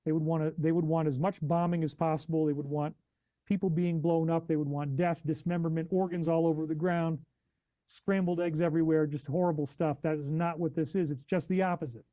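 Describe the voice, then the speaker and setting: A man hosting a live podcast stream, reacting to news and chat with animated, incredulous questions. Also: on the high side, a little fast, no room sound, dull audio. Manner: reads chat donations aloud. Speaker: podcast host.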